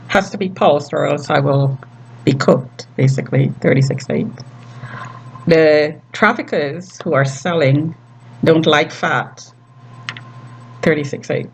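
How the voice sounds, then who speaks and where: A person speaking unscripted in a video diary, halting, with long pauses and frequent ums. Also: mid-range voice. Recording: clearly noisy room recording.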